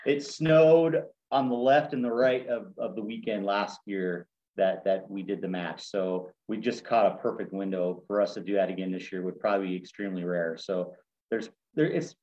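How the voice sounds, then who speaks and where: A man's voice: deep voice, moderate pace, darkish tone, highs cut off. A man organizing a shooting match, chatting casually and easily, often laughing as he talks. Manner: easygoing, laughs while talking. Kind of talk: casual chat.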